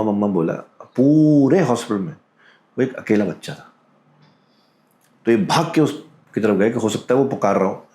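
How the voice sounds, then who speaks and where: Indian guy with a deep voice telling a ghost story slow and calm, echoey room. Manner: calm, deliberate, drops into quoted voices. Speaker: podcast guest storyteller. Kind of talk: casual storytelling in Hindi-English mix. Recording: roomy echo.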